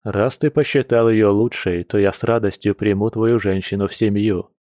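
A werewolf pack leader gives orders with calm, measured authority, voiced by a male narrator. The voice is low and even, close to the reader's own. The audiobook sound is dry and close. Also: no room sound, lightly acted. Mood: stern. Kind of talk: audiobook character voice.

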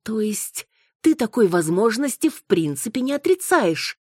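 A woman voicing a jealous, hysterical young wife who scolds her husband, shrill and close to tears. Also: normal speed, breathy edge, no echo. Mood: furious. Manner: shrill, accusing, near tears.

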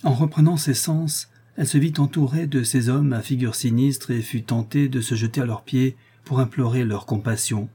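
A man reading a classic novel aloud as an audiobook narrator, in a measured storytelling manner. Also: mid-range voice, steady tone, warm tone, slightly rough.

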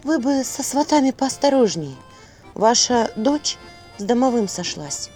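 Woman doing a calm, earnest young wise woman. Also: a little high, moderate pace, faint music behind, voice pushed up. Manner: quiet, earnest.

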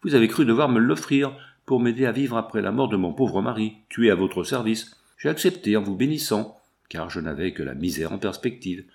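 A man's voice: fairly low pitch, animated, a little fast, creaky, hardly any pauses, darkish tone. A man voicing a frightened but dignified young widow in an audiobook, pleading in a trembling voice.

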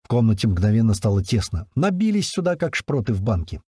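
Husky male audiobook narrator. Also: lowish voice, a little fast, no room sound, clean studio sound. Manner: colloquial storytelling with lively intonation. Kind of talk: first-person audiobook narration.

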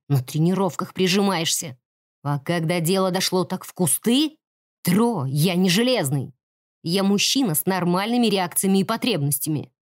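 Smug pushy young guy with a lower voice, a woman putting him on, lazy drawl, audiobook. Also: no echo, studio quality, close to an everyday voice. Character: cocky swaggering young man, pushy crewmate.

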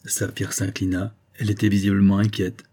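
A man reading a nineteenth-century novel aloud in measured scripted narration. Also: fairly low pitch, level tone, warm tone, slightly rough. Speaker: audiobook reader.

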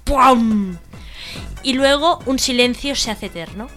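A woman with a Spanish accent, co-hosting a radio comedy show and telling a joke with loud cries and mock announcements. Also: a little high, normal speed, soft background music. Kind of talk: telling a joke with acted voices.

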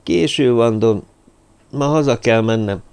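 A man's voice: mid-range voice, creaky, darkish tone, clear, resonant tone, lightly acted. A man voicing a superstitious, anxious male tavern keeper in an audiobook. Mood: uneasy.

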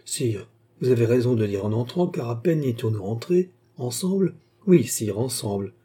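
A man voicing a calm, gentle noble princess whose replies trail off softly. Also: medium pitch, moderate pace, breathy edge. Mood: earnest. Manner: soft, simple replies trailing off quietly.

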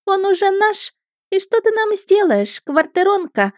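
A woman voicing petulant teenage mermaid girls with a high, ringing girlish voice in an audiobook. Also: big pitch swings, measured pace, dry recording, clean studio sound, full character voice. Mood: mocking. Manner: petulant and teasing. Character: bratty teenage mermaid girls, shrill and capricious.

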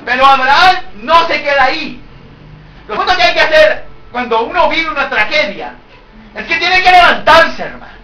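A man's voice: very high-pitched, sing-song, normal speed, pushed and bright. A male pastor, preaching emphatically and asking his listeners rhetorical questions. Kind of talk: sermon. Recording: echoey room, voice from a distance.

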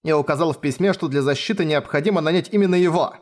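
A man's voice: on the high side, quick pace, lightly acted. Man doing a smug, prissy young nobleman. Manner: sneering, affected. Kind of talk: audiobook reading.

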